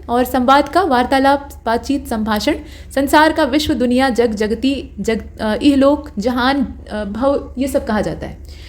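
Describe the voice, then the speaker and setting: A woman teaching an exam-prep grammar lesson, reading through word lists at a steady pace and stopping for short corrections. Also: high voice.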